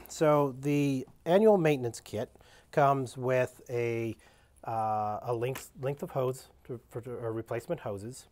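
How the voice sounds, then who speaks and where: A man walks through a maintenance job at a workbench, explaining each step aloud in a plain, halting way. His voice sits at an ordinary middle pitch, and he fills pauses with "uh" and restarts as he works. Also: darkish tone. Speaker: equipment demonstrator. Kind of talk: unscripted how-to demonstration. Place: indoor workshop with benches.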